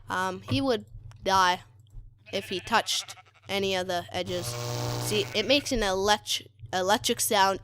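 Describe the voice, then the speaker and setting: A woman's voice: mid-range voice, a bit bright, slight background noise. A woman giving casual commentary while showing a game mod, hesitant and chatty, full of fillers and frequent self-corrections. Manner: hesitant, many fillers, corrects herself often; chatty and easily sidetracked.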